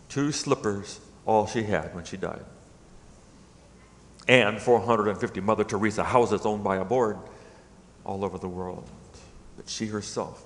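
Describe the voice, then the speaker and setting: A middle-aged man preaching a sermon in a church, swinging between loud emphatic peaks and hushed low lines. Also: in a large hall. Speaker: pastor. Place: church sanctuary.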